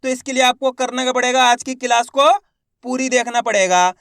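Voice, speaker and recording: A man teaching a beginner lesson on letters, speaking slowly and patiently, addressing listeners as friends and repeating each syllable, often drawing it out. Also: very high-pitched, gravelly, a bit bright, clear, resonant tone, no echo, studio quality.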